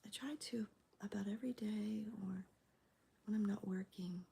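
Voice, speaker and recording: A woman streaming live, whispering as she chats with viewers, her voice gravelly from a cold. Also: medium pitch, moderate pace. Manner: soft whispering with fillers. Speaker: crochet livestreamer. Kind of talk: whispered ASMR livestream chat. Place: home, early morning.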